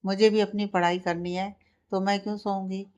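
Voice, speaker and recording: Storybook: sharp-tongued, stubborn young student wife, read by a woman. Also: mid-range voice, little pitch movement, normal speed, lo-fi sound, lightly acted. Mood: teasing. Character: stubborn, tired young woman studying for exams.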